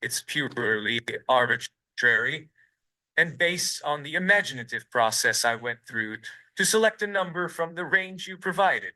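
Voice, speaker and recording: A man's voice: mid-range voice, bright, forceful tone, rough recording. A male-sounding robot voice, synthetic and stiff, answering interview questions in long scripted sentences.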